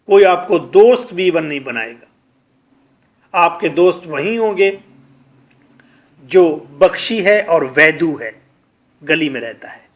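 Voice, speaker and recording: A man lecturing on spoken English, drilling words slowly and repeating them, switching often between his own language and English phrases. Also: high voice.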